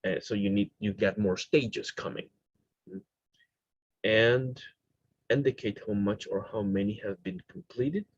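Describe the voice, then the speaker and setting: A man's voice: on the low side, a little mellow, husky, no room sound, muffled recording. A man teaching English grammar, explaining with many fillers and restarts and checking in with "right?".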